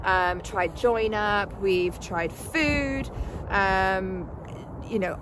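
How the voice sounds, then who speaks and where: A woman's voice: mid-range voice, drawn-out words, noisy background. A woman from Eastern Tennessee, a horse owner earnestly explaining her foal's problem. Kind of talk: casual chat. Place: outdoors on a farm.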